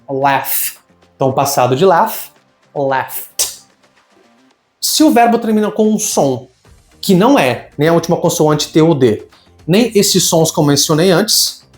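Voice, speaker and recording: A man teaches English grammar in a lively, explanatory way, posing questions and then answering them. His voice rings out in an echoey room, with faint music playing underneath. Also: fairly high pitch. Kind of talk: recorded grammar lesson.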